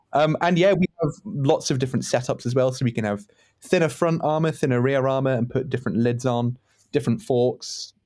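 Man, medium pitch, laughs a lot, casual podcast chat. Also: moderate pace, pauses often, a little mellow. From United Kingdom. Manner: jokey, laughs often. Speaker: robot team member.

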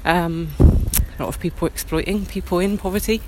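A woman's voice: lowish voice, steady tone, normal speed, background noise. A woman hosting an informal chat on location, speaking in a hesitant, rambling way. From Bristol, England. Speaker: interviewer, host.

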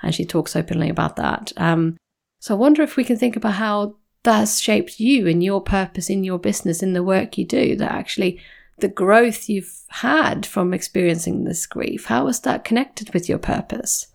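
A woman's voice: mid-range voice, normal speed, creaky. A woman hosting a podcast interview, speaking reflectively and thoughtfully. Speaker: podcast host.

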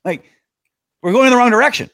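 A man's voice: very high voice, fast, pushed and bright, no room sound, clean studio sound. A man hosting a podcast, chatting casually about football with a wry, joking manner. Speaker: podcast host. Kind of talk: casual sports talk.

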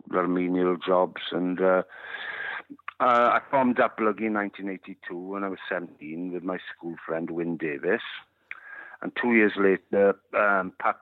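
Over a dry, tinny phone line, a deep-voiced Welsh musician in his fifties from West Wales is interviewed as a guest. Welsh is his first language, and he speaks unhurriedly, full of "you know"s and "uh"s.

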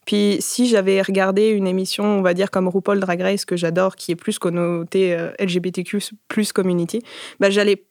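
A woman recounts her experiences in a loose, conversational way, full of fillers and slangy asides. Her voice sits at a middle pitch. The recording is dry and close. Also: little pitch movement, moderate pace, darkish tone, no room sound. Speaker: interviewee. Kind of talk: casual personal testimony.

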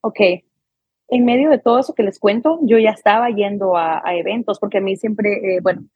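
A woman with a Guatemalan accent, a podcast guest telling her stories in a lively way and acting out the people in them. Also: mid-range voice, fairly quick, no echo, narrow, tinny audio. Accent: Guatemalan Spanish. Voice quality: husky. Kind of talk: conversational storytelling.

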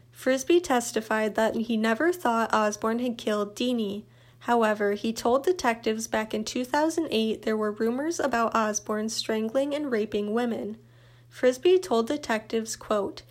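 A woman narrating a true crime update in an even, matter-of-fact scripted read. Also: a little high.

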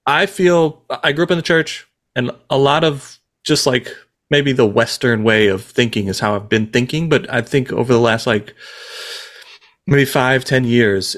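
A man co-hosting a podcast, speaking thoughtfully and hesitantly, often pausing to find his words and filling gaps with "like". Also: mid-range voice, fairly bright tone. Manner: frequent filler "like". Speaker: podcast co-host. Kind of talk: casual podcast chat.

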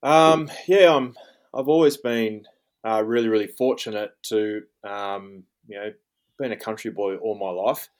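An Australian man in his forties, a fly fishing guide, chats as a guest in a relaxed interview. His voice is lowish and a little slow, and he rambles at an easy pace, peppering his talk with "um" and "you know."

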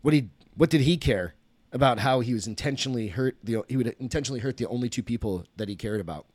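A man's voice: mid-range voice, fast talker, a little mellow, dry recording. A man, host of a podcast, reading a story aloud in a casual way, often stopping to correct himself.

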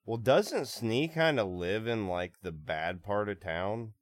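Low-voiced man playing a tabletop game. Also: animated, slow, no room sound, studio quality. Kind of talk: casual in-character chat and action narration.

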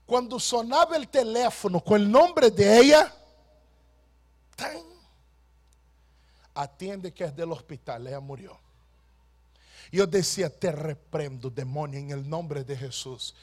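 A man preaches as a pastor, slow and emphatic, shifting between hushed storytelling and shouted proclamation. His voice sits high with lively intonation.

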